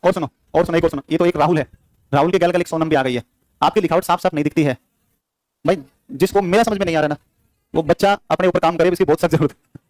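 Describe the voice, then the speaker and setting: A fairly high, slightly mellow male voice comes through in a dry, clean studio recording. The young teacher has a sore throat as he preps students for a geography exam, rattling off repeated quiz questions to drill facts.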